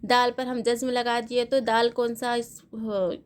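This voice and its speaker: A woman's voice: on the high side, little pitch movement, clear, resonant tone. A woman teaching Quran recitation rules step by step, patiently repeating herself and asking and answering her own questions. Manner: spells out letters slowly, syllable by syllable. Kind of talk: step-by-step tajweed lesson.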